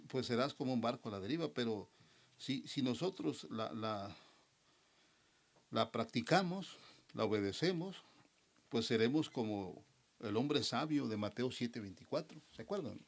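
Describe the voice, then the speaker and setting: A man's voice: medium pitch, gravelly. A man, a pastor, preaching a sermon and calling the congregation brothers again and again, his voice dropping at the end of phrases. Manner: repeats "hermanos" often, voice drops at phrase ends.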